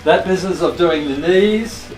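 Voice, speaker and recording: A man's voice: high voice, normal speed, darkish tone. An older man in his sixties giving casual hands-on instruction as a surf coach, explaining things and often checking in with "right?". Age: older, about 60s. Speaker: surfboard seller and surf coach. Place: open surfboard workshop with roller door. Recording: echoey workshop, distant mic, background music.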